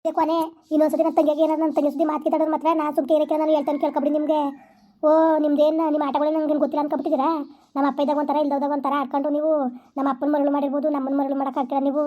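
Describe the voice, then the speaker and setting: A woman's voice: sits high, little pitch movement, mellow, close to an everyday voice. A woman playing an indignant young elder sister who scolds her stepmother in a village family skit. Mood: scolding. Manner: scolding, indignant, rapid-fire.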